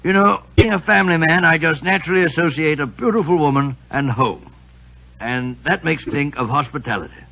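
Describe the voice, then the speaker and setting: Genial Doctor Watson, high gravelly voice. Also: male voice, brisk, sharp tone, full character voice. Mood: genial, amused. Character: genial, chuckling, loyal English doctor and storyteller. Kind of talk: 1940s radio drama acting. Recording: muffled 1940s radio recording.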